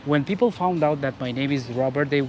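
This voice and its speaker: A man's voice: mid-range voice, darkish tone. A young man from Romania, a local guest on a travel podcast, answering eagerly while walking through his city's old town. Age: young adult. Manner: eager, answers with many quick yeses. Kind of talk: casual street interview. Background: street traffic noise.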